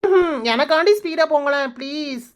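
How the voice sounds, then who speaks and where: A woman's voice: high voice, normal speed, close to an everyday voice. A woman voicing a fussy, sulky young village wife in a cartoon comedy, with a Kanyakumari Tamil accent. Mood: coaxing. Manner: whiny, sulky, nagging.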